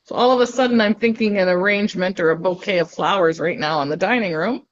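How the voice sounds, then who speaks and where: A woman's voice: fairly low pitch, fast, highs cut off. A woman co-hosting a casual live-stream chat, upbeat and chuckling as she talks. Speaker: co-host.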